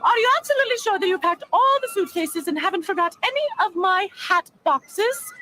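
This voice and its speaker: A woman's voice: very high-pitched, animated, brisk, sharp tone, slight background noise, exaggerated voice. A woman voicing a fussy, dramatic old grand duchess. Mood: fretful. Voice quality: fussy, dramatic, sprinkles French phrases. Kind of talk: cheaply dubbed cartoon dialogue.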